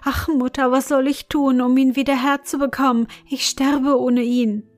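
A woman's voice: high voice, flat delivery, moderate pace, dry recording, soft background music, pitched above the performer's own voice, close to an everyday voice. A woman doing a frightened pleading young girl. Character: frightened young girl longing for her friend.

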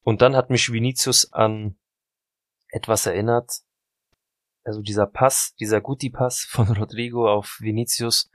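A man's voice: fairly low pitch, steady tone, measured pace, dry recording, clean studio sound. A sleep-deprived man, rambling through a casual football podcast chat and often correcting himself. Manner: rambling, self-correcting, apologetic. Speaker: podcast co-host.

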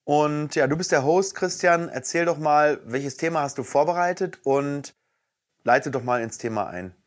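A man's voice: fairly high pitch, lively intonation, normal speed. A middle-aged man co-hosting a casual talk show, prompting the host with questions and tagging his lines with "ne?".

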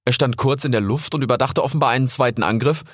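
A man calmly narrating a storybook aloud. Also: mid-range voice, fast talker. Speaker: audiobook narrator.

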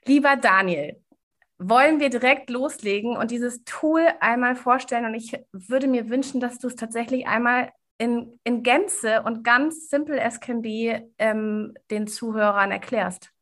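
A woman hosting a podcast who talks haltingly, often restarting and seeking agreement. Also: fairly high pitch, fairly bright tone. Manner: hesitant, many fillers and restarts, asks for agreement. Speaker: podcast host. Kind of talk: podcast conversation.

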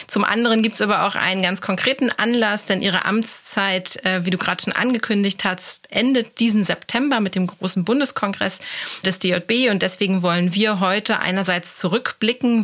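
A woman co-hosting a legal podcast, explaining things clearly with occasional fillers. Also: medium pitch, a bit bright. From Germany. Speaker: podcast co-host.

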